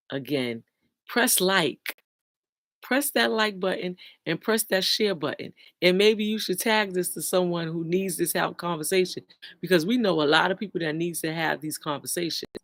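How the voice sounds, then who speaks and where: A woman's voice: deep voice, a bit bright. A middle-aged woman, talking casually and bluntly to viewers on a livestream and laughing often. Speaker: livestream host.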